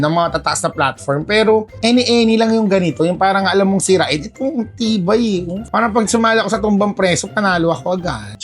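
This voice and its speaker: A man with a Filipino accent hosting a casual haul vlog, campy and playful, jumping from quiet asides to loud squeals. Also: sits high. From Philippines. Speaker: vlog host.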